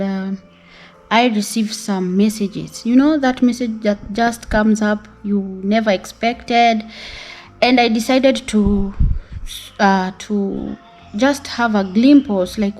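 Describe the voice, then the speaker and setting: A woman with an East African accent chats to her viewers in a casual vlog style. Her delivery is unhurried and hesitant, broken by pauses and small tags. Faint music plays behind her medium-pitched voice. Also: darkish tone. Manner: hesitant, pausing, repeats "you know". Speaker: YouTube vlogger. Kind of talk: casual talk to camera.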